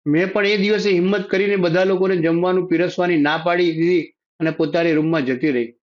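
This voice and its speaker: A man reading a sad story in the first person, in a steady, sorrowful storytelling manner. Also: sits high, a little fast. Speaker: story narrator. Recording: dull lo-fi audio.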